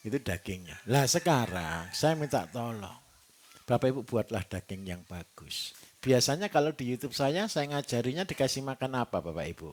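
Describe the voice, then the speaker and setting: A man's voice: medium pitch, normal speed. A man with a Javanese accent gives a livestock-farming seminar, quizzing the audience and joking as he goes. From Java. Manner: lively, quizzing the audience with jokes. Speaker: livestock trainer. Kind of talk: seminar talk to a live audience.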